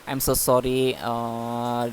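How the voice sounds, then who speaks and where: A man teaches an English lesson from his house, talking slowly and patiently and pausing on fillers. His voice sits at an ordinary pitch for a man. Faint rain noise runs behind him. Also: completely flat delivery. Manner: slow, patient explaining with many fillers. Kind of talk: online English class, mixing Indonesian and English. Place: home, heavy rain outside.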